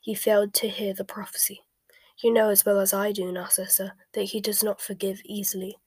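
Woman reading as a cold, flat-voiced male spy. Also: husky, dry recording, close to an everyday voice. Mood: measured, grave. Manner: flat, low, measured. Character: cold, controlled male spy, grave and curt.

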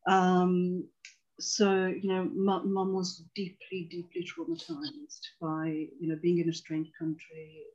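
A woman's voice: fairly low pitch, completely flat delivery, slow pace, a little mellow. Earnest woman from Tanzania, lo-fi call. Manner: earnest, reflective. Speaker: psychotherapist guest. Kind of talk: personal storytelling in a conversation. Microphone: video call.

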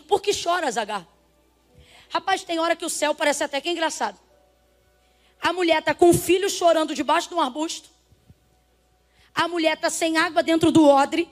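A woman preaches with a very high, bright voice. She moves from hushed, drawn-out lines to ringing, fervent cries, calling out to the congregation. Soft music plays faintly underneath. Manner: impassioned, swings from soft to shouting, addresses congregation. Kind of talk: sermon.

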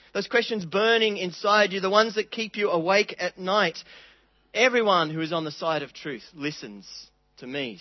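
A man preaching a sermon, earnest and dramatic, reading scripture aloud with quiet pauses. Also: high voice, dry recording, dull audio.

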